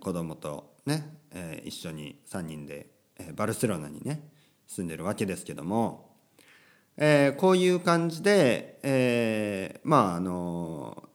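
A man hosting a podcast for language learners, talking casually from home in a chatty, rambling way with plenty of fillers and tag words. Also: on the low side. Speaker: podcast host. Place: home with a washing machine running.

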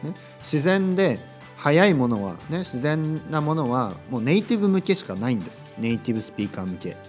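A man's voice: on the high side, very animated, brisk, soft background music. A man hosting a casual solo podcast for learners. He thinks aloud and tags his sentences with little asides. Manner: thinks aloud, adds frequent tag words to sentences; acts out short sample dialogues in a livelier voice. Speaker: podcast host for Japanese learners.

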